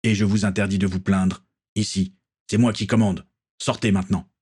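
A calm, commanding ship captain, as a male narrator gives him voice. The delivery stays measured and firm, close to the reader's own low register. A husky breathiness runs through it. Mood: stern.

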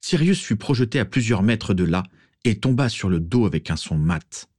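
A man narrating a story as an audiobook, steady and expressive. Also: on the low side, normal speed, no echo, studio quality.

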